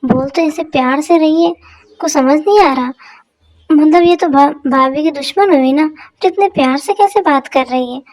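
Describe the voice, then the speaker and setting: A playful young brother-in-law in a fan dub drama, nosy and full of wisecracks about the fight, as a woman voices him. He sounds high for a man. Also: normal speed, a little mellow, natural voice. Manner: wisecracking asides.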